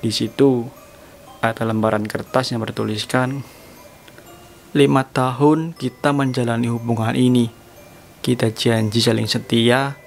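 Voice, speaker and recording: A man's voice: mid-range voice, gravelly, a little hiss or hum. Man doing a solemn middle-aged landlady. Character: middle-aged woman boarding-house landlady, calm and solemn. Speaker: landlady telling a sad story.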